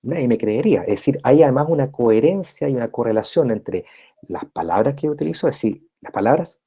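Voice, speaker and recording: Man, university lecturer, explanatory, rephrases often, frequent tag questions, mellow tone. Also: mid-range voice, expressive, quick pace, breathy edge. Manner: constant tag checks with listeners; explanatory, repeats and rephrases points. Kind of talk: recorded lecture.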